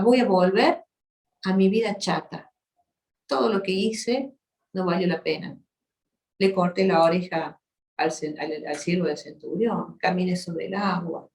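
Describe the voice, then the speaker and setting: A woman preaching to a women's gathering voices the apostle Peter as an impulsive, emotional man who swings between loud boasting and defeat. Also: medium pitch, roomy sound, lightly acted.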